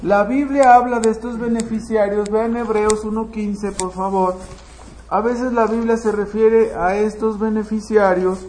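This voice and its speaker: A man preaching a sermon. He asks the congregation questions and answers them himself, and he swings between loud emphasis and quiet asides, with frequent restarts. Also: high-pitched, fairly even intonation, a little slow, roomy sound, slight background noise, poor audio. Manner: frequent restarts and checking "¿verdad?".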